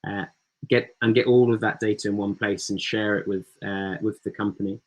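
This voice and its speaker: A startup founder giving a slide presentation in an easygoing way, with many ums and uhs, over a video call. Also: male voice, fairly low pitch, moderate pace, low-quality recording. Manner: relaxed, filler-heavy delivery.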